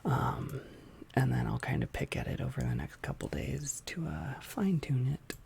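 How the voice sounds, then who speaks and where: Creaky, whispering young adult ASMR livestreamer. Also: medium pitch, big pitch swings, moderate pace. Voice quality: faint clicking from a tongue piercing. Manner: soft-spoken, hesitant, informal. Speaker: ASMR content creator hosting a livestream.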